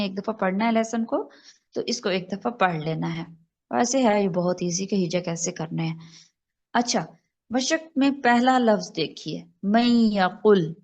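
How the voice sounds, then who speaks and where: Over a video call, a woman teaches an online Quran recitation class, patiently explaining rules and slowly spelling out examples. Her mid-range voice is a little mellow, and the audio has its highs cut off.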